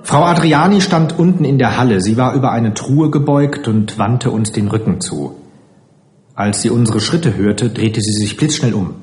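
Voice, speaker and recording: A man reading a literary story aloud in a calm, measured narration. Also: mid-range voice, echoey room. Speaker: audiobook reader.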